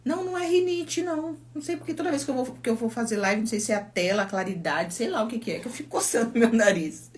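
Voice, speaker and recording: A woman's voice: a little high, expressive, fast, hardly any pauses. A middle-aged woman with a Brazilian Portuguese accent, a psychologist chatting casually on a phone live stream, telling stories and reading viewer comments aloud.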